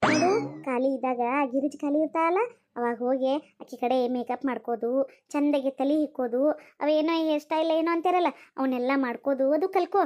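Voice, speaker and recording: A woman's voice: sits high, fairly quick, darkish tone, close to an everyday voice. A woman voicing a scolding village mother in a cartoon, speaking with a North Karnataka Kannada accent. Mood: lecturing. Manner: nagging, lecturing, rustic. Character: scolding village mother, worried about marrying off daughter. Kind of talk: cartoon voice acting.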